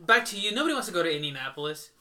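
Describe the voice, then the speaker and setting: A man's voice: high voice, sing-song, rapid-fire, bright, forceful tone. A man hosting a podcast in casual chat, loose and swearing, laughing often. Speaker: podcast host.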